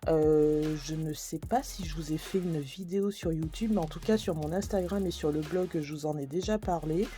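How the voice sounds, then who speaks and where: Woman, beauty vlogger; casual, hesitant product review read off labels; warm, relaxed tone. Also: low-pitched, moderate pace. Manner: hesitant, many fillers, reads labels aloud.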